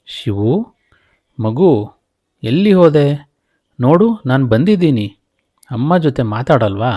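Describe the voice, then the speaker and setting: A man's voice: medium pitch, big pitch swings, slow, dark tone, no echo, studio quality, voice pushed up. A man voicing a ghost that poses as a loving mother, coaxing and insistent. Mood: eerie.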